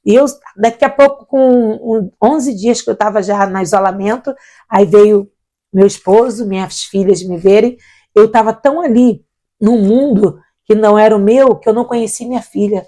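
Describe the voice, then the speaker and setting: A woman's voice: medium pitch, normal speed. A middle-aged woman, a missionary guest, telling her personal faith testimony and acting out the voices of the people in it. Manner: animated storyteller acting out quoted voices.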